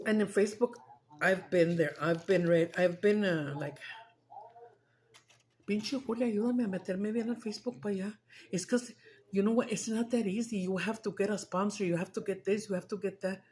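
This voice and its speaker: A middle-aged woman talks to her viewers while she eats. Her voice sits at a middle pitch, loose and chatty, with casual swearing and Spanish phrases. Faint background noise hums under the close phone mic. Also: fairly even intonation, moderate pace, a little mellow. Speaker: mukbang streamer. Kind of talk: casual chat while eating.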